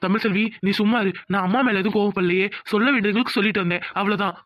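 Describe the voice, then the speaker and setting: A woman's voice: medium pitch, fairly even intonation, racing, no echo, lightly acted. A woman voicing a firm, protective young husband who lectures and reassures his wife. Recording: dull lo-fi sound.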